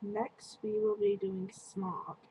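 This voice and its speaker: A woman's voice: medium pitch, level tone. A woman talking through a casual makeup product review in a chatty, meandering way. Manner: chatty, slow and meandering, lots of "like". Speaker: beauty vlogger. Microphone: webcam. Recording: faint room noise on a webcam mic.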